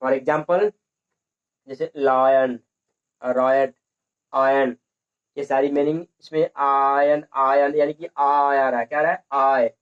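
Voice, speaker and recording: A man's voice: medium pitch, lo-fi sound. A man teaching a lesson on English pronunciation, repeating points and asking and answering his own questions.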